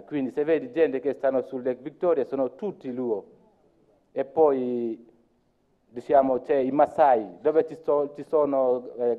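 A man from Kenya with a Kenyan accent, talking informally at a conference in a halting way, searching for words and acting out what others said. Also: medium pitch. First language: Luo. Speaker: conference speaker. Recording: tinny phone-like sound.

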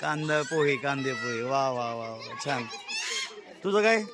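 A man's voice: medium pitch, expressive, a little slow. A man with a Marathi accent doing a cheerful walkaround vlog, exclaiming and asking children their names at an outdoor school fair. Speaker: reporter touring a school market. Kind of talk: casual walkaround vlog commentary. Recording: busy crowd and loud outdoor noise.

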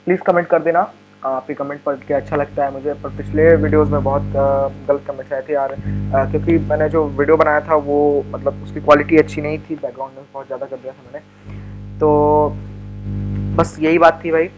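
A man's voice: a little high, little pitch movement, brisk, narrow, tinny audio, soft background music. A young man with an Indian accent giving a casual, chatty coding tutorial, with many fillers and restarts. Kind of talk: casual screen-recorded tech tutorial.

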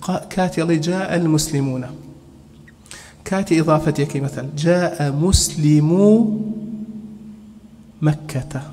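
In a fairly high, mellow voice, a man walks through a grammar lesson step by step, posing questions and answering them himself and slowing down to spell out each example. There's a long reverb on the recording along with a faint hum in the background.

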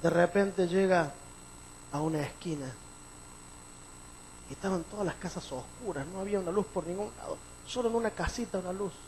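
Animated Spanish-speaking male pastor preaching. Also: sits high, brisk, long pauses, a little hiss or hum, rough recording. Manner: animated storytelling, voice rising to emphatic peaks. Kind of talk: sermon.

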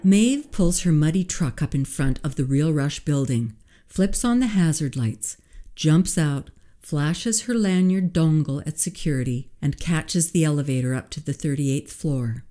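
Woman reading her book aloud, low warm voice, even and expressive. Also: measured pace. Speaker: narrator. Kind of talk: audiobook reading.

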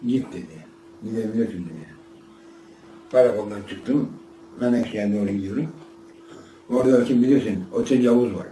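A man's voice: fairly low pitch, moderate pace, long pauses, mellow, a little hiss or hum. Older man, interview subject, rambling and repetitive storyteller, recorded from a distance in a roomy space with faint background ambience. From Ardahan, northeastern Turkey. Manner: rambling, acts out quoted dialogue, repeats himself. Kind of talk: casual spoken memoir.

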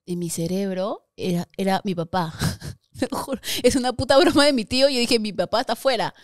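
A woman's voice: mid-range voice, a little fast, dry recording, studio quality. A young adult woman with a Peruvian Spanish accent, a podcast guest who tells stories in casual chat, laughing often and acting out what people said. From Peru. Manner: animated, laughs often, acts out quoted voices.

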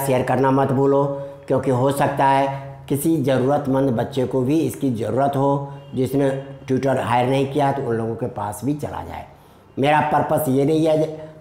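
A male physics teacher giving a video lesson, dictating notes slowly and repeating words, calling his students children. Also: medium pitch, darkish tone. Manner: addresses students fondly as children. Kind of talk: classroom lecture in a video lesson. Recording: echoey room.

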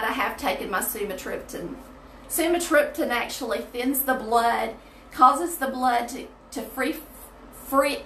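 A woman's voice: on the high side, a bit bright. A woman with a Southern US accent leading an informal online Bible study in a conversational way, often checking in with "okay?", recorded in a bathroom. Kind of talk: casual Bible teaching chat on a livestream. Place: echoey bathroom at home. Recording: echoey small room, distant mic, faint noise.

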